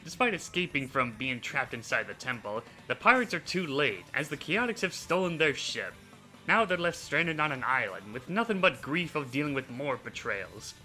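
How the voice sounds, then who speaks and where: A man hosting a video, narrating a character recap in an animated storytelling manner. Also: mid-range voice, normal speed, soft background music, rough recording. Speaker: host. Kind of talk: scripted narration.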